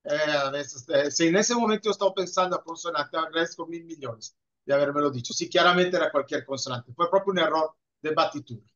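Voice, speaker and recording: A man's voice: fairly high pitch, fast, a bit bright. A man teaching an Italian class over a video call, patiently answering students' questions and praising them often. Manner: patient, encouraging, repeats praise. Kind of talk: online class Q&A. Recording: muffled video call audio.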